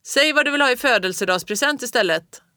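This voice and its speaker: Reader as a stern farm dad, sour, gruff, calling loud over the wind, bright dry tone. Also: mid-range voice, no room sound, lightly acted. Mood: urging.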